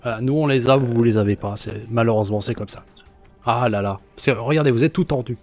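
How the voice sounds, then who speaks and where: A man's voice: mid-range voice, fast talker, a little mellow, faint music behind, lightly acted. A man playing a bluffing mechanic in a tabletop game, with glib, repetitive, reassuring patter. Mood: glibly reassuring. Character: bluffing, reassuring male mechanic boasting of his upgrades.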